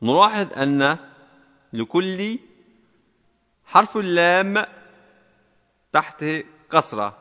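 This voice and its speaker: A man teaching a typing lesson step by step, slow and deliberate, repeating each key combination. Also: high-pitched, big pitch swings, bright, forceful tone, long reverb tail.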